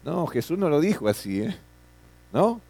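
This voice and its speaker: A man's voice: mid-range voice, lively intonation, normal speed, darkish tone, no room sound. A middle-aged man teaching a classroom lecture, often tagging his sentences with questions and repeating words.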